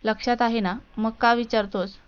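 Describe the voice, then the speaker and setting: A woman reading the part of an arrogant, dismissive rich young businessman in a storybook tale, with a smooth voice on a dull lo-fi recording. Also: fairly high pitch, steady tone, normal speed, lightly acted. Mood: irritated. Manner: cold, dismissive, mocking.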